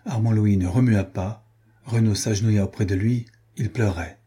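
Brief: male audiobook narrator, measured storytelling, dark husky timbre. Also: lowish voice, steady tone. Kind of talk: scripted narration.

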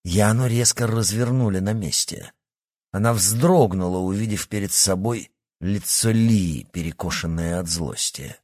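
A man giving expressive, dramatic scripted audiobook narration. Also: lowish voice, unhurried, no echo, clean studio sound.

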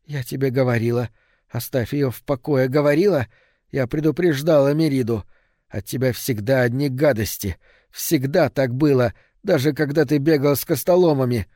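A man's voice: normal speed, dark tone, no room sound, clean studio sound, natural voice. A man voicing a furious old woman who screams and curses at a young man in an audiobook reading. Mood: screaming fury. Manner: shrill, screaming and cursing. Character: furious screeching old woman, a worried mother.

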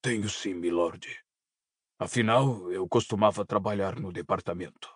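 A man voicing a hoarse, fearful male servant in an audiobook, trembling and eager to please. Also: low voice, moderate pace, no echo, studio quality, voice pushed down. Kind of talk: audiobook character voice.

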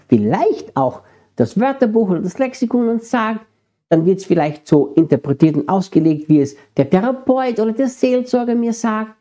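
A middle-aged man with an Austrian accent and a high, warm voice preaches a sermon, earnestly addressing his congregation. The recording is dull and lo-fi.

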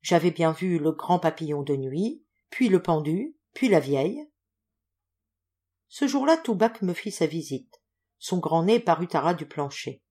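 Expressive woman reading a dark tale aloud. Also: on the low side, a little slow. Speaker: audiobook reader. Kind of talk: literary audiobook narration.

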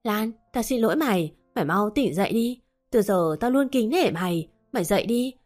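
A remorseful young maid, voiced by a woman narrator, speaks tearfully and humbly. Soft music sits beneath. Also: mid-range voice, animated, moderate pace, natural voice. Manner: tearful apologetic. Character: remorseful young female servant.

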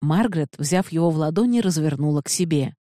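A woman narrating an audiobook in a measured, even reading voice. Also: deep voice, no room sound, studio quality. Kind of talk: scripted narration.

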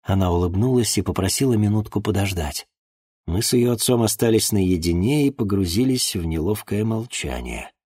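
A man reading a first-person story aloud in an expressive narrating manner. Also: fairly low pitch, moderate pace, breathy edge. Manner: expressive, acts out the dialogue. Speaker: audiobook narrator.

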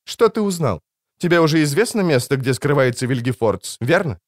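A man voicing a proud, scorned sorceress in an audiobook reading, with biting sarcasm that softens into pleading. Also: a little high, very animated, a little fast, dry recording, clean studio sound. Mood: businesslike.

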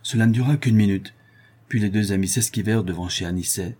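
A man reading a historical novel aloud in a steady, measured way. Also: lowish voice, slightly rough. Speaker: audiobook narrator. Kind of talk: scripted narration of a historical novel.

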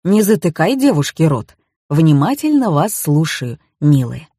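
A woman reading an audiobook, voicing a calm, mocking tough man who threatens quietly. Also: low-pitched, a little slow, slightly rough, no room sound, studio quality, exaggerated voice.

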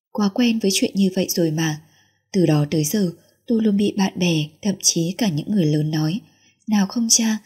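A woman narrating a romance novel in the first person, in a calm, steady reading voice. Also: on the low side, breathy edge. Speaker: audiobook narrator.

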